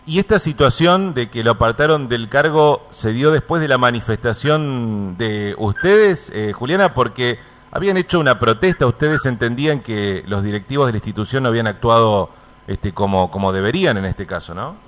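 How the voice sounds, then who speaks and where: A man interviewing a caller on the radio, asking gentle, probing questions with frequent hesitations. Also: medium pitch, expressive, moderate pace, slight background noise.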